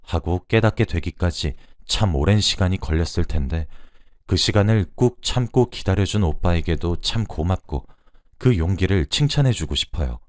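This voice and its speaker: A man narrating a first-person story as a radio drama in a steady, even storytelling manner. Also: sits low, moderate pace, dry recording, studio quality.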